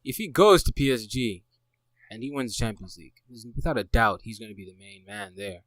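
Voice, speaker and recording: A man co-hosting a football podcast, talking casually and excitably, stumbling over restarts and laughing often. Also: on the low side, brisk, no room sound. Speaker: podcast co-host.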